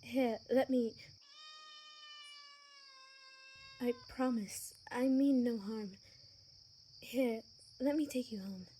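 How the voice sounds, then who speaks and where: With gentle concern, a woman voices a sheltered, tender young vampire for ASMR, her fairly high, natural voice soft and hesitant and at times dropping to a breathy whisper. Slight background noise can be heard.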